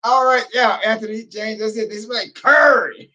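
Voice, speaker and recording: A man, a military veteran, talking in a loud, profane, casual monologue, breaking into laughter as he goes. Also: sits high, normal speed, muffled recording. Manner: loud, profane, laughing asides, animated rant.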